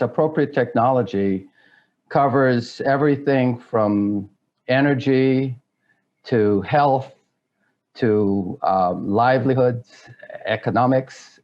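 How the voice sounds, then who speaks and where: A man's voice: medium pitch, dull audio. A middle-aged man from Guyana, answering interview questions in a hesitant way, with many fillers and restarts. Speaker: guest.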